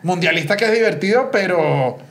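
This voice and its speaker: A man with a Venezuelan accent co-hosting a casual podcast chat, telling lively stories and acting out the people he quotes. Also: sits high, fairly quick. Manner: animated storyteller, acts out quoted voices. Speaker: podcast co-host.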